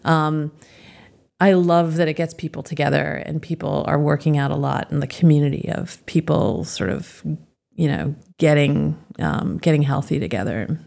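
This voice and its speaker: A woman's voice: deep voice, normal speed, vocal fry, a little mellow. A middle-aged woman in a casual conversation, chatting in a rambling way and laughing often. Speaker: guest.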